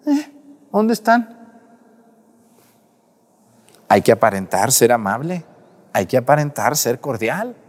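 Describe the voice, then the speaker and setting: A man's voice: medium pitch, sing-song, moderate pace, in a large hall. A man preaching a sermon at mass, scolding the congregation directly with rhetorical questions. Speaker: priest. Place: church.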